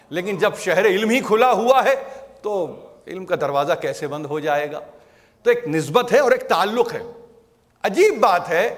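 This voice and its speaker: A man giving a religious lecture on scripture to an audience, slow and emphatic, drawing out single letters and words. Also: high-pitched, fairly bright tone. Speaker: Quran lecturer. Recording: long hall reverb.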